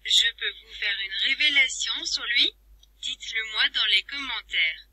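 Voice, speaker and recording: A synthetic text-to-speech woman voice playing a cheeky translator app that taunts the viewers in a flat, computerized delivery. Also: on the high side, a little slow, breathy edge, no echo, full character voice. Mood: mocking. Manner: teasing, insults viewers as losers. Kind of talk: computer-voiced vlog bit.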